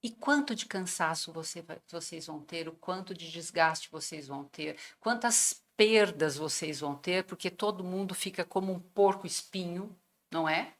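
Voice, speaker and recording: A woman's voice: lowish voice, moderate pace. A woman on a podcast persuasively making her case as a guest, posing rhetorical questions. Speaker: guest mental health professional. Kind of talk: explanatory conversation.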